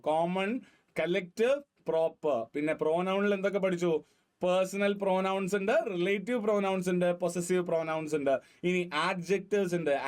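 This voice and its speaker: Male teacher with a Malayali accent, fairly high voice. Teaches grammar and keeps quizzing his listeners, slips English terms in. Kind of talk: online grammar lesson.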